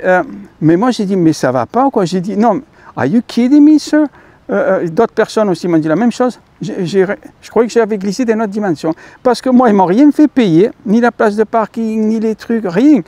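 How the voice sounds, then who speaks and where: A man speaking with a French accent, his voice high for a man and gravelly with fry. He rambles through a casual vlog monologue, stumbling over fillers and correcting himself as he talks to his viewers. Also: darkish tone, no room sound. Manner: rambling, many fillers and self-corrections, addresses viewers as dear friends. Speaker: YouTube channel host.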